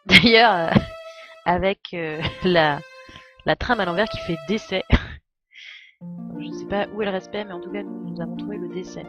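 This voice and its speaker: A woman game streamer with a lowish voice gives casual live commentary on a video game, a little slow and with long pauses. She's playful and joking with slangy talk, and faint game music and dialogue sit in the background.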